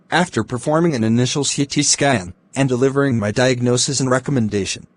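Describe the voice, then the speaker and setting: Man, mid-pitched voice, formal exam candidate, doctor role, measured and careful wording, rehearsed answers.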